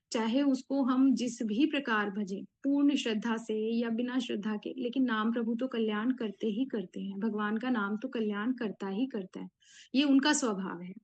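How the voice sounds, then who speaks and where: A woman giving a devotional discourse, explaining at a measured pace with frequent pauses and fillers. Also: fairly high pitch, muffled recording. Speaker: spiritual speaker.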